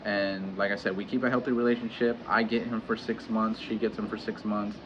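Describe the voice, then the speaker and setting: A man in his thirties talking candidly in a personal vlog, pausing often and restarting his sentences. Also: lowish voice, level tone. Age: 30s. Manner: hesitant, halting, many restarts and fillers. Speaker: vlogger. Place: home in Mexico. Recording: dull lo-fi audio with clear background noise.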